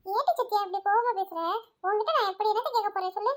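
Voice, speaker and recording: A woman doing a fretful middle-aged aunt in a storybook drama, scolding and exclaiming at her niece. The voice is very high and quick. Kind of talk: audio story voice acting.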